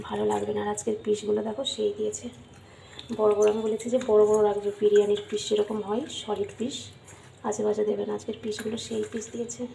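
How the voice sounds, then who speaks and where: A woman's voice: mid-range voice, vocal fry, darkish tone, roomy sound. A woman chatting through a casual cooking vlog in her home kitchen, often checking in with viewers. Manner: chatty, keeps asking "right?". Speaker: vlogger. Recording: noisy home recording.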